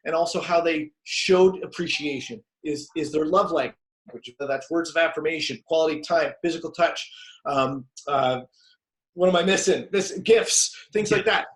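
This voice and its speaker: A man in casual conversation about his staff, animated and emphatic, acting out quotes. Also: a little high, low-quality recording. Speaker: business owner discussing team coaching.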